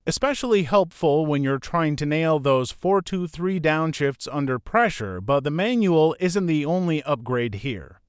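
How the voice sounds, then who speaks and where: A man's voice: fairly high pitch, clear, resonant tone, dry recording, clean studio sound. A man narrating a scripted car review in a polished, promotional way with punchy short phrases.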